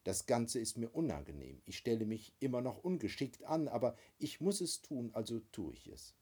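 A man reading first-person literary narration aloud as an audiobook narrator, with expressive, wry storytelling. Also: mid-range voice, moderate pace, husky.

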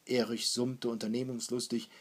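A man narrating a novel in a measured storytelling voice. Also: mid-range voice, level tone. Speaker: audiobook narrator. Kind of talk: scripted narration.

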